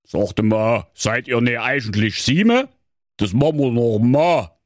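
A man's voice: medium pitch, expressive, measured pace, dry recording, clean studio sound, natural voice. A man voicing a clumsy, dim-witted male bear in a comic fairy-tale parody, stammering excuses and blustering. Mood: stern. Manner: fumbling, sheepish excuses, sometimes blustering.

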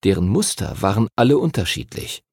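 A man reads a children's story aloud with lively, animated intonation that rises and falls. His voice is gravelly and a little husky. It sounds close and dry. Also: fairly low pitch, fairly quick, dry recording. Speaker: audiobook narrator. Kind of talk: scripted children's story narration.

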